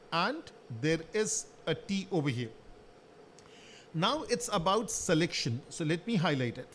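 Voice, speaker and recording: Speaking in a fairly high voice, a maths teacher walks through a worked solution step by step, posing questions to the class and then answering them himself. Under his voice runs a faint background hiss.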